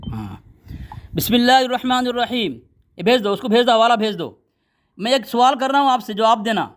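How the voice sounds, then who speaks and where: High-voiced man, combative debater. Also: expressive, brisk, slight background noise. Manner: combative, commanding, repeatedly ordering silence. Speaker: religious debater. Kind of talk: heated religious debate.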